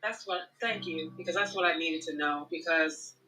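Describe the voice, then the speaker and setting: A woman's voice: low-pitched, pushed and bright, low-quality recording. A woman calling in as a mother, speaking hesitantly, stopping often with ums as she confesses something. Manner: hesitant, halting with many ums. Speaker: caller, a mother. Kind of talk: live call-in confession.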